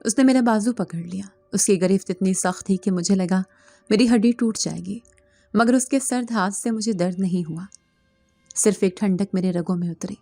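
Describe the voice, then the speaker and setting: A woman telling a first-person horror tale in a slow, dramatic scripted style. Her voice is mellow and dry, close to the mic, with faint music under it. She speaks at a medium pitch. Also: no room sound. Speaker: storyteller. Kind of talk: scripted horror story narration. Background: faint background music.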